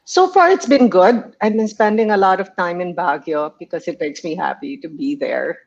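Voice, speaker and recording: Low-voiced woman on a muffled line. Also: expressive, normal speed, vocal fry. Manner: warm, chatty, laughs often, some hesitations. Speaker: guest, happiness coach. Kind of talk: casual interview answers.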